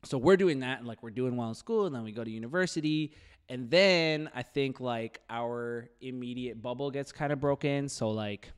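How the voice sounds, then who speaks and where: A man's voice: medium pitch, moderate pace, clean tone. A man chatting casually and slangily as a podcast host, rambling with lots of "like", close on a studio mic. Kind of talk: casual, animated podcast chat. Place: dark indoor podcast studio. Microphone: close podcast mic on boom arm.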